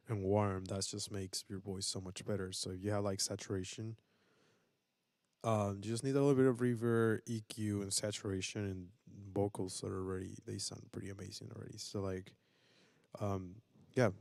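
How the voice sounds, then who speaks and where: A man's voice: lowish voice, a little mellow, no echo. A man casually explaining vocal settings and beat-making on a live stream, rambling with many fillers and restarts.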